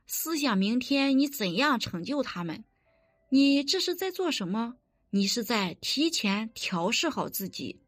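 A woman's voice: a little high, no room sound, studio quality. A woman preaching a sermon in an earnest, instructive way, quoting scripture and giving practical advice.

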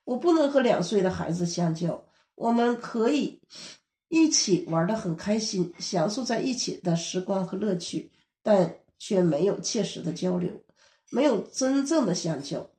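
A woman teaching a sermon in a steady, explanatory manner. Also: mid-range voice, measured pace, reverberant. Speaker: preacher.

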